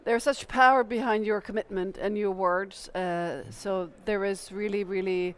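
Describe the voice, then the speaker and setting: A woman's voice: mid-range voice, fairly even intonation, a little slow, clear, resonant tone. A woman hosting an interview, often repeating words as she looks for them. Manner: warm-hearted, repeats words while finding them. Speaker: host. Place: busy conference venue.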